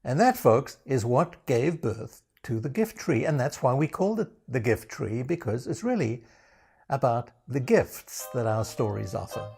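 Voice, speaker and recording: A man with a gravelly, slightly husky voice introduces his program on video. His pitch swings widely as he delivers teasing, self-mocking asides in a dry, knowing way. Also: big pitch swings, unhurried, a little mellow, soft background music. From South Africa. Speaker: program founder presenting.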